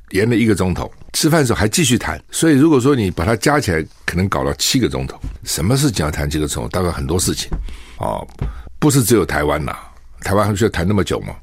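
A man's voice: lowish voice, husky, dry recording, clean studio sound. An older man with a Taiwanese Mandarin accent who hosts a solo political commentary show. He talks conversationally, asks rhetorical questions and acts out both sides of an argument. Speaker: host.

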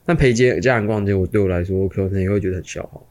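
A man's voice: sits low, racing, darkish tone. A young man with a Taiwanese Mandarin accent, co-hosting a podcast in casual chat, asking questions and teasing his friend. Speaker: podcast co-host.

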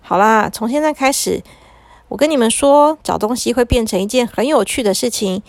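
A woman's voice: fairly high pitch, normal speed, no room sound, close to an everyday voice. A woman voicing a kindly male magician in a children's story, easygoing and reassuring. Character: kindly male magician in cloak and tall hat.

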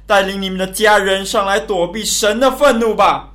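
A man's voice: mid-range voice, lively intonation, a little slow, a bit bright. An actor playing Noah, an earnest old man who solemnly exhorts mocking neighbours in a dramatized Bible story. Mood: urgent pleading.

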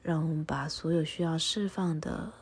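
A woman leading a guided meditation and prayer, speaking softly and calmly, often in a half-whisper. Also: low-pitched. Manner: soft, breathy, often half-whispered delivery; slow, calm, instructive.

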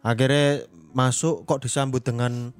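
A man's voice: mid-range voice, little pitch movement, measured pace, smooth, soft background music. A man with an East Javanese accent co-hosting a podcast, chiming in with short agreements and jokes. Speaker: podcast co-host. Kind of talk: casual podcast chat.

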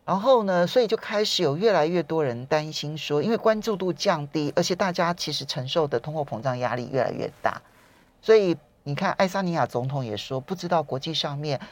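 A woman's voice: low voice, lively intonation, fairly quick. A woman with a Taiwanese Mandarin accent hosting a current affairs talk show, conversational and posing questions with pointed asides. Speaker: radio talk show host.

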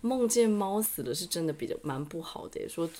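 A podcast co-host in casual chat, reacting with quick teasing comebacks. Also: medium pitch, expressive, a crowd in the background.

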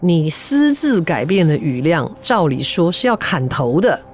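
A woman voicing a cold, knowing male fortune teller who speaks in a measured way. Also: low voice, big pitch swings, darkish tone, slight background noise. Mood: grave.

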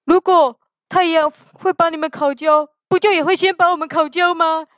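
Woman putting on a shrill mocking crow leader. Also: flat delivery, normal speed, fairly bright tone, dry recording, muffled recording. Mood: indignant. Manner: laughing, teasing. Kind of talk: storybook read-aloud.

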